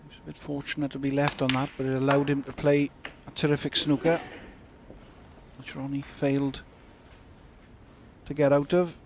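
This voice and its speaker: Even-toned male snooker commentator. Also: mid-range voice, moderate pace, long pauses. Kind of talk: live sports commentary. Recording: crowd and noise behind, broadcast arena. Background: snooker arena crowd, clicking balls.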